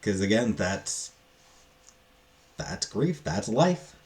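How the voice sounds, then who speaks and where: Reviewing a book off the cuff, a very deep-voiced man speaks in a sing-song, slightly mellow way. He is casual and rambling, with hesitant phrases that tend to drift off.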